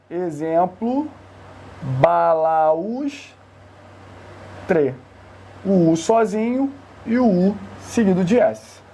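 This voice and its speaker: A man teaches a Portuguese grammar lesson aimed at exam prep, repeating key terms and slowing down to underline the rules. His voice is high-pitched and dark in tone, with a breathy edge.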